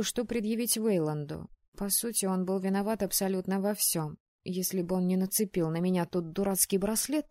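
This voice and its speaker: A woman reading a first-person audiobook with expressive storytelling, close to the mic. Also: medium pitch, no room sound. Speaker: audiobook narrator.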